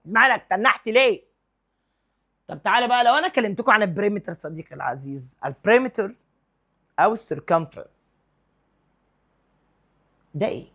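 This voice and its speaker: A man with an Egyptian Arabic accent teaching a lively physics lesson, quizzing and teasing his students and mixing English terms into his speech. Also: high-pitched, a little fast, pauses often.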